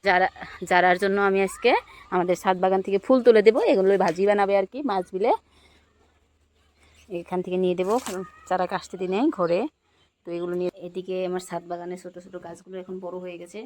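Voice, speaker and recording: A young mother, filming her toddler at home, alternating high coaxing baby talk with quieter asides to viewers. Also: fairly even intonation, fast, a little hiss or hum. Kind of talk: casual home vlog, baby talk and narration. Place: home, indoors.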